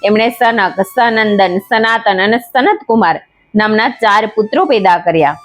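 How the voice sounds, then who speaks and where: A woman narrating a devotional scripture in a measured, steady recitation. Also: mid-range voice.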